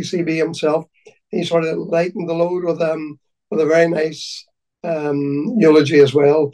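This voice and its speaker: A man with a Donegal Irish accent reminiscing in conversation, haltingly and often repeating his words. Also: fairly high pitch, mellow, far from the mic, rough recording. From County Donegal, Ireland.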